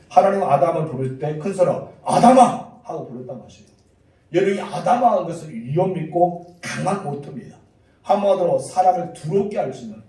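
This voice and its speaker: A male pastor preaching a Sunday sermon, leading the congregation in reading aloud and breaking into sudden loud calls. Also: a little high. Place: church sanctuary. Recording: echoey church hall, mic at a distance.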